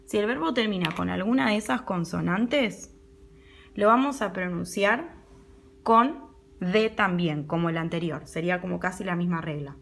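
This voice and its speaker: A woman's voice: lowish voice, gravelly, fairly bright tone, slight background noise. A woman English teacher, patiently explaining a pronunciation rule and often checking in with her students. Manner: patient, repeats words slowly and checks in with students. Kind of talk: classroom lesson explaining pronunciation.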